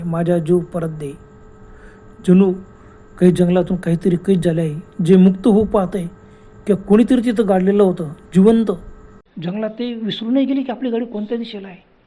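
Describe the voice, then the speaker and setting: A male storyteller narrating a horror tale with dramatic flair. His voice is dark and mellow. He punctuates the telling with sudden exclamations. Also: high-pitched.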